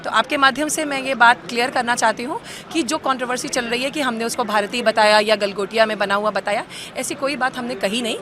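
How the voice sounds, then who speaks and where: A woman representing a university, giving a measured, explanatory statement to the press at an event. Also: on the high side. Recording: noisy crowd around.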